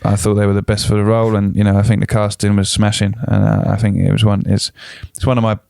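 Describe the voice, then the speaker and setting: Smooth, gravelly young man. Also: on the low side, completely flat delivery, quick pace, dark tone, no echo. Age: young adult. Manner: rambling, many fillers and restarts. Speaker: film director, guest. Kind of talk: casual podcast conversation.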